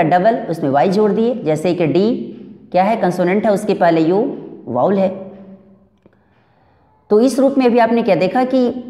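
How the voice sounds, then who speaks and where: Slow woman teacher. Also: mid-range voice, warm tone. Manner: slow, repeats words and asks "clear?". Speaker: English teacher. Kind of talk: spelling lesson. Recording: echoey room with long reverb.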